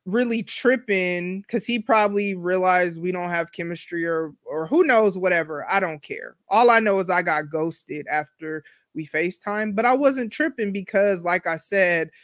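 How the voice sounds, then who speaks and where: This is a casual solo podcast monologue from a female host in her forties, whose delivery is candid, slangy, and full of side comments. She speaks on the low side at a normal speed with few pauses, captured in a dry, studio-quality recording.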